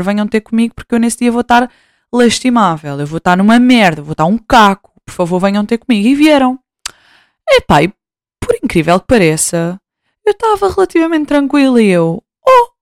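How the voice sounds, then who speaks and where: Young European Portuguese woman, podcast host, chatty and self-mocking; smooth, clear voice, dry close sound. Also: medium pitch, dry recording. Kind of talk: casual solo chat.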